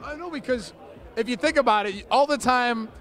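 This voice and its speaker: A man's voice: extremely high pitch, normal speed, a bit bright. A man chatting casually and enthusiastically in an interview as a wrestling ring announcer. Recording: outdoor urban crowd and traffic noise.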